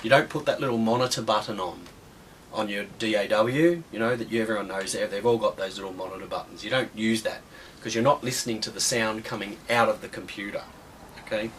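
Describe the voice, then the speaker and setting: A man giving a casual, rambling walkthrough of his home studio gear, blunt and offhand, with many ums and restarts, his voice going hoarse. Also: lowish voice, steady tone, brisk, fairly bright tone, a little hiss or hum. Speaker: home studio tutorial host.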